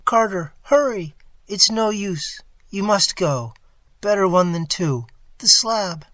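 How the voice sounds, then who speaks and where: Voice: mid-range voice, expressive, slow, a bit bright, no room sound, voice pushed up. A storyteller playing a terrified, despairing man trapped underground, pleading frantically in boyish slang. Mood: urgent pleading.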